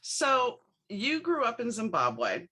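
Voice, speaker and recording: A woman's voice: on the high side, huge pitch swings, slow, pushed and bright, slightly rough. A woman hosting a podcast, introducing the show and interviewing a guest in an upbeat manner with some fillers. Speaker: podcast host.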